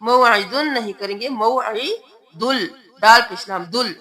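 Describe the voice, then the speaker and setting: A woman teaching Quran reading, spelling out letters and slowly chanting each word, patient and repetitive. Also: fairly high pitch, a bit bright. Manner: patient, repeats words slowly with drawn-out chanting.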